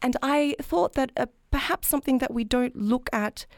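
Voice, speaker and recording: In clean studio audio without any room sound, an Australian-accented woman in her thirties answers interview questions about her work in healthcare management research. Her voice sits high and moves at normal speed, and she speaks articulately and explanatorily, dropping "sort of" frequently.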